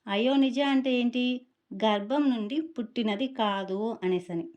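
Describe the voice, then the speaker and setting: A woman explaining a devotional hymn name, slowly sounding out its syllables to teach pronunciation. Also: on the high side, a little mellow.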